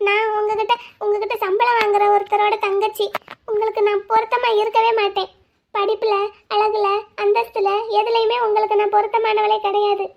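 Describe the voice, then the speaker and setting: A woman voicing a poor, proud young woman in a cartoon drama, sad and resolute. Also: very high-pitched. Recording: dull lo-fi audio.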